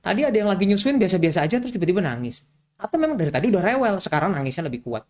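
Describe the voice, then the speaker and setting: A man, a doctor, explaining things in a casual, chatty way, animated and often repeating key words. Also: high-pitched, rapid-fire. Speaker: doctor explaining infant health.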